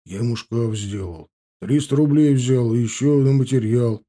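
Male reader as grumbling older father-in-law, husky and dark, audiobook. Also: medium pitch, animated, normal speed, close to an everyday voice. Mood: conspiratorial. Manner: gruff, confiding, drops to a whisper.

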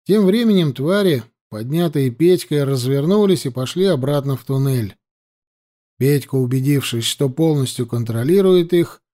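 A male audiobook narrator reading a fantasy tale in a steady, even storytelling voice. His tone is mellow and warm, pitched a bit above the usual for a man.

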